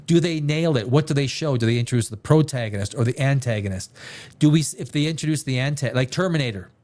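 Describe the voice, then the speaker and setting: A Canadian man with a somewhat high, darkish voice chats casually as a livestream host. He's opinionated and emphatic, repeating phrases to hammer his points home in rambling commentary about film.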